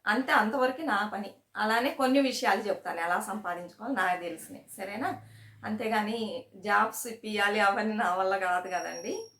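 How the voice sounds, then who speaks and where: A woman's voice: mid-range voice, moderate pace, fairly bright tone. A woman hosting a savings vlog, talking casually to her viewers, often checking in with them and retelling small everyday stories. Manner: chatty, repeats "సరేనా?" to check in with viewers; storytelling, retells anecdotes with quoted dialogue. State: sweating in summer heat. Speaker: savings channel host. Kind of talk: casual chat to camera. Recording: echoey room.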